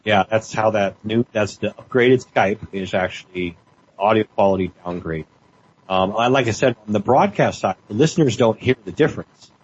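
Low man, heavily compressed call audio. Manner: rambling, halting, with many restarts. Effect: heavily compressed, pumping call audio. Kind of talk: casual radio chat over a call. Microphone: internet voice call. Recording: dull, muffled call line with faint noise.

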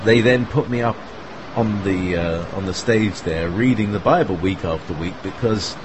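There's clear background noise as a man with a low-sitting voice hosts an online group call at normal speed. He chats in a casual, meandering manner, filling gaps with fillers and small chuckles.

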